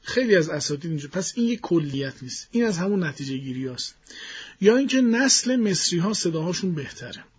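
A man being interviewed as a voice expert in a studio, explaining his views in a measured way and thinking aloud as he goes. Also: sits high, big pitch swings, slightly rough, highs cut off. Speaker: guest voice expert.

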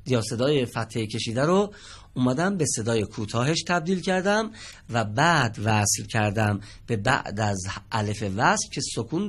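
A man teaching Quran reading in a televised studio lesson. He quizzes his students patiently and stretches out each example word slowly. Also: mid-range voice.

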